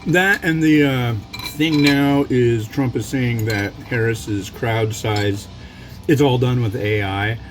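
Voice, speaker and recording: A man's voice: mid-range voice, takes it slowly, over music. A man giving a casual, rambling food review as he eats, with a wry, off-the-cuff manner and frequent tangents. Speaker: food reviewer and mukbang host.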